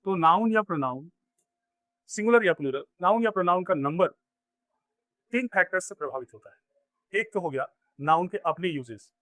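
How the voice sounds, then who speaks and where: Male teacher, bright voice, dry recording, asks and answers own questions. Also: high voice, expressive, moderate pace, long pauses, dry recording. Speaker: English teacher. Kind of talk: classroom grammar lesson in Hindi.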